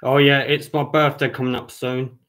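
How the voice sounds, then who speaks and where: A young man, chatting casually on a livestream, repeating himself with halting restarts. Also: medium pitch, flat delivery, fairly bright tone, rough recording. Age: 20s.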